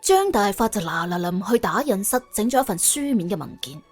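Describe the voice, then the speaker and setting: An audiobook narrator with a Hong Kong or Guangdong Cantonese accent, she delivers a colourful scripted story in a dramatic, chatty, funny style. Her medium-pitched voice is very animated and a little fast, and faint music runs behind it.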